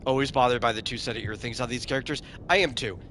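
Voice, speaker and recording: While streaming a game, a man chats casually and answers his chat, often repeating a word as he begins a sentence. His mid-range voice is fast and fairly bright, with slight background noise.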